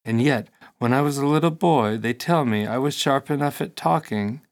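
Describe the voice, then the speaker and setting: A man's voice: medium pitch, normal speed, lightly acted. Cyrus, an eager boy prince, read by a man. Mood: troubled.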